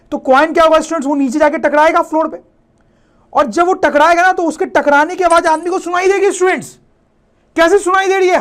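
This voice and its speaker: A man teaching a school science lesson over slides. He keeps calling out to his students and asking them questions he answers himself, mixing English terms into his explanation. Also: extremely high pitch. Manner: keeps addressing "students" and asks rhetorical questions.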